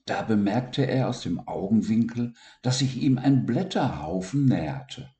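A man reading a children's story aloud in a calm, expressive narrating voice. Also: on the low side, measured pace. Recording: roomy echo.

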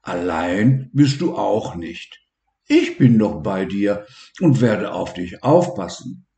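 A caring, bold storybook lion king, put on by a male narrator. The voice is gravelly and low, recorded in an echoey room. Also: very animated, takes it slowly, heavily acted. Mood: reassuring. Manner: reassuring, bold, loud roars.

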